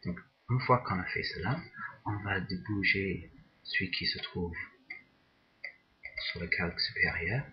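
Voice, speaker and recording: A man teaching a software drawing tutorial, talking slowly and hesitantly, often repeating words as he works. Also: sits low, muffled recording. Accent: non-native English pronunciation. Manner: slow, hesitant, repeats words while working. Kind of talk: screen-recorded software tutorial.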